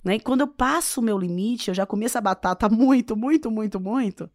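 A woman's voice: a little high, a little fast, dry recording, clean studio sound. A woman, an author answering interview questions with advice and leaning hard on key words. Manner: expressive, stressing words as she explains. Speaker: author and guest.

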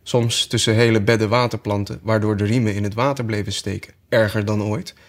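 A man reads a children's classic aloud in a calm, measured way. His voice sits on the low side. It is steady, unhurried audiobook narration.

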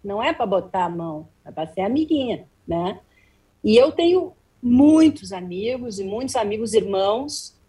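Guesting on an interview, a middle-aged journalist shares stories with animation, performing the quoted dialogue. She speaks in a mid-range voice at a moderate pace, recorded slightly away from the mic.

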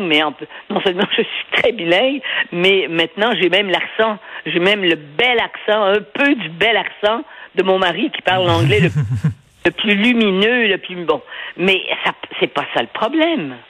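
An older woman with a Québécois accent, a newspaper columnist talking in a radio interview, animated and rambling, laughing often and stumbling over her words. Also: medium pitch, moderate pace, no room sound, rough recording. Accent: Québécois French.

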